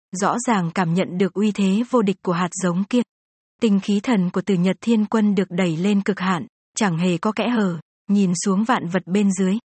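A woman narrating a fantasy novel in a steady, dramatic reading. Her voice is soft and a bit husky, recorded dry and close with no room sound. It sits at a middle pitch. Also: dry recording. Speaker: audiobook narrator.

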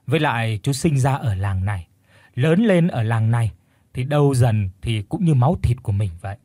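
A man doing a deep hoarse old village uncle. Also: warm tone, dry recording.

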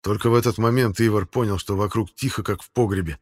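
A man reading an audiobook in a steady, measured way. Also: lowish voice. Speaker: audiobook narrator. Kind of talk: scripted audiobook narration.

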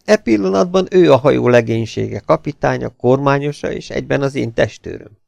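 A man reading aloud, voicing a frightened but defiant young woman in high, strained protests. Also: creaky, darkish tone, no echo.

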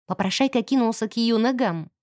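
A woman narrating an audiobook in a vivid, animated storytelling manner, close on the mic. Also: a little high, brisk, no echo.

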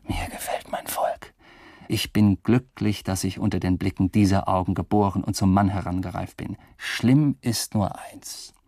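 An actor in a radio drama speaking a wry, rambling, drunkenly philosophical first-person monologue in a gravelly, husky voice. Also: male voice, low-pitched, fairly even intonation, normal speed, few pauses, warm tone, no room sound, clean studio sound. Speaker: narrator and protagonist.

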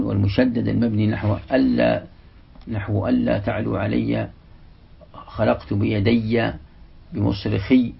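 A man giving a religious lesson, reading a passage from a classical text and then explaining it slowly, repeating the example words. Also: fairly low pitch, vocal fry, slightly rough. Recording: dull, lo-fi lecture recording.

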